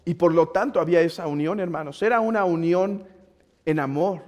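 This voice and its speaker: A pastor with a Mexican Spanish accent preaching a sermon, earnest and exhorting, rising to loud urging and dropping to quiet pleading. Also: male voice, fairly high pitch, a little fast, muffled recording. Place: church hall. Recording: long church reverb.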